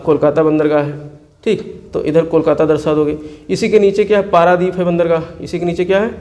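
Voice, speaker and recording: This teacher's voice is on the high side and a little mellow, with a level tone and a fairly quick pace. Leading students through exam map work, he asks questions, supplies the answers, and repeats every place name so it stays with them.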